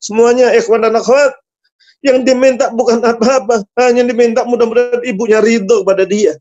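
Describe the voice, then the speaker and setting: A man preaching to a congregation, telling a story with dramatic, emotional swings. His voice sits high, and the recording is dull and lo-fi. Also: steady tone, brisk, a little mellow. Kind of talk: storytelling sermon. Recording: dull lo-fi sound.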